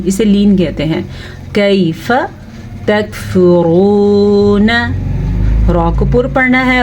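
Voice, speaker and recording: A woman teaching Quran recitation with tajweed rules, patiently explaining and then reciting words slowly and drawn out, often checking with the listener. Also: medium pitch. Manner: asks the listener rhetorical check questions.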